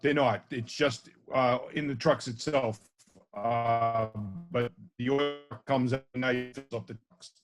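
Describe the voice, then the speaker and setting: A man's voice: medium pitch, fairly even intonation, measured pace, faint music behind. A man, a fire chief, explaining plainly at a board meeting over a call whose audio cuts in and out with uneven volume. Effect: audio cutting in and out, uneven volume.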